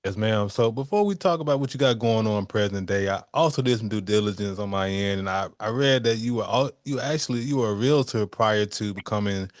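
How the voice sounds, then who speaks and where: A man's voice: fairly low pitch, fairly quick, hardly any pauses, no room sound, studio quality. A man with an Alabama Southern accent hosting a podcast interview, affirming and polite as he asks questions. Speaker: podcast host. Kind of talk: casual interview chat.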